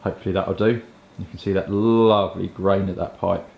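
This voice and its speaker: Speaking briskly with a steady tone and some vocal fry, a low-voiced British man shows off pipes and tobacco to camera. His chat is rambling and colloquial, with mild swearing, and the audio has its highs cut off. There's a roomy echo and faint background noise.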